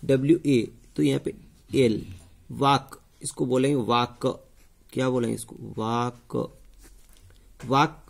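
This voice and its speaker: A man's voice: mid-range voice, steady tone, unhurried, gravelly, long pauses. A male teacher going over test answers, often asking the class a question and then giving the answer himself. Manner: repeats key points as questions to the class. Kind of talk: explaining test answers to students.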